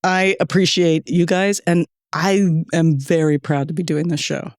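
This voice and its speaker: A woman's voice: on the low side, fairly even intonation, measured pace, dry recording, clean studio sound. A woman hosting a podcast in casual chat, talkative and grateful, laughing often between thoughts. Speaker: podcast host and producer. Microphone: studio microphone.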